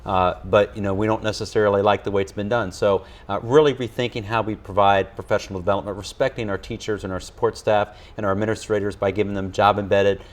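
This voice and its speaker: A man's voice: lowish voice, level tone, quick pace, few pauses. A man who leads a school district, answering in an earnest studio interview with many fillers and restarts.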